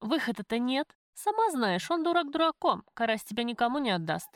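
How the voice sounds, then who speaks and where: A woman voicing a blunt, streetwise young waitress who chides her friend, in a lively, raised voice. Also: on the high side, a little fast, no echo, studio quality, pitched above the performer's own voice. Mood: brash. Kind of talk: audiobook character voice.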